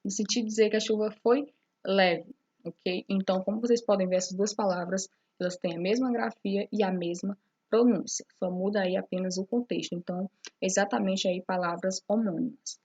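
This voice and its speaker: A woman's voice: mid-range voice, fairly even intonation, brisk, darkish tone, highs cut off. A woman teacher explaining a lesson step by step, often checking in with her students. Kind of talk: recorded classroom lesson.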